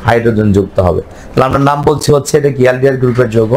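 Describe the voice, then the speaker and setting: Man, chemistry lecture, question-and-answer drilling, mid pitch, faint background noise. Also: rapid-fire, a little mellow, low-quality recording. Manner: quizzes students with repeated questions, answers himself. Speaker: chemistry teacher. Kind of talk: classroom lecture.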